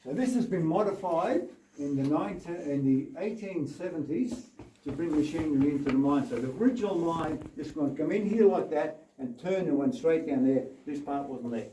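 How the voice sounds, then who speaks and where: A man's voice: fairly high pitch, animated, normal speed, dark tone. A man working as a mine tour guide, explaining step by step in a demonstrative way inside an underground tunnel, recorded at some distance on a camera mic. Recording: echoey, noisy tunnel, voice off from mic.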